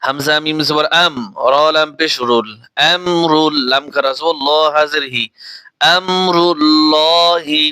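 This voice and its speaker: A Bangladeshi man teaches Quran reading, spelling out each Arabic letter and then chanting it in slow, drawn-out syllables. His voice is bright, clear and a little high. It sits close and dry on the microphone. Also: dry recording. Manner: slow, deliberate, drawn-out recitation.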